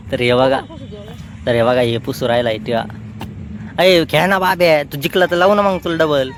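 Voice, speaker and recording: A man's voice: medium pitch, sing-song, measured pace, pauses often, slight background noise. A man, giving chatty, teasing vlog commentary outdoors. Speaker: vlogger.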